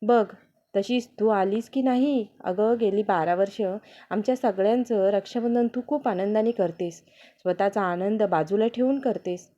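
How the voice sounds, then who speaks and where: A playful young husband who teases his wife warmly , as a woman narrator puts him on. The voice is mellow and soft-edged. The recording sounds dull and lo-fi. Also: medium pitch, moderate pace, lightly acted. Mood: tender. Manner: teasing, affectionate.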